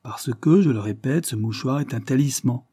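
A man's voice: medium pitch, moderate pace, warm tone, slightly rough, no room sound, studio quality, natural voice. A man reading the part of a playful, mocking young man who teases his friend in a storybook reading. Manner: mocking, theatrical.

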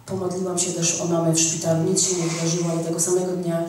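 A woman's voice: lowish voice, monotone, fast talker, a little mellow, recorded from a distance, a little hiss or hum. A woman preaching a charismatic sermon, addressing her congregation directly and emphatically. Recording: echoey hall from afar.

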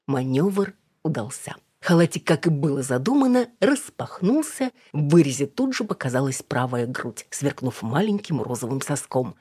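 Low, husky woman narrator, even audiobook reading, dry close sound. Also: moderate pace, no echo. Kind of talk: scripted narration.

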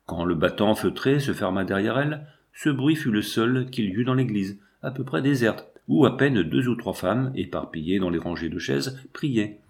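A man reading a novel aloud in a measured, dramatic narration. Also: on the low side, lively intonation, creaky, darkish tone. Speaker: audiobook narrator. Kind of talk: scripted literary narration.

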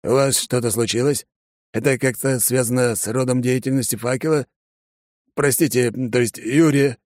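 A man voicing a blunt, commanding older army colonel with a gravelly, barking delivery. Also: medium pitch, fairly even intonation, moderate pace, a little mellow, no room sound, studio quality, voice pushed up, close to an everyday voice. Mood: polite.

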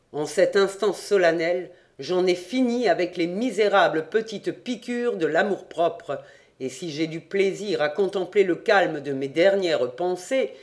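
Man calmly narrating an adventure novel. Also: high-pitched. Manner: calm, measured, first-person storytelling. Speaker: audiobook reader.

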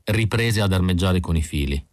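Low-voiced man narrating an audiobook. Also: expressive, normal speed, no echo, clean studio sound.

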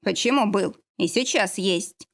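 A woman's voice: mid-range voice, a little slow, creaky. A woman reading the lines of a firm, protective father in an audiobook, in a blunt and reassuring way.

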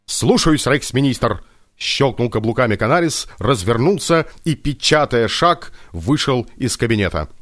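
Male audiobook narrator, measured telling, dry close sound, soft music underneath. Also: mid-range voice, animated, no room sound.

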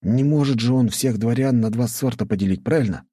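A man's voice: mid-range voice, brisk, dark tone, husky, dry recording, studio quality, voice pushed up, lightly acted. A man doing a cheeky teenage prince. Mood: teasing. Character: cheerful teenage boy prince, teasing schoolmate.

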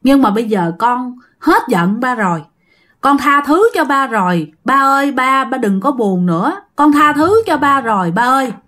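A woman's voice: a little high, expressive, moderate pace. A woman voicing the ghost of a young man who speaks through a possessed woman, tearful and pleading.

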